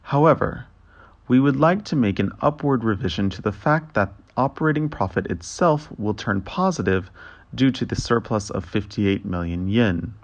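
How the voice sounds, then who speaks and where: A man giving a translation voice-over as interpreter, with a steady, formal reading of a financial results briefing. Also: lowish voice, normal speed, muffled recording.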